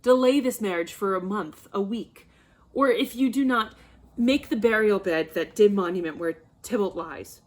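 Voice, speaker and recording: A woman reading a pleading teenage daughter in a soft voice. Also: medium pitch, normal speed, close to an everyday voice.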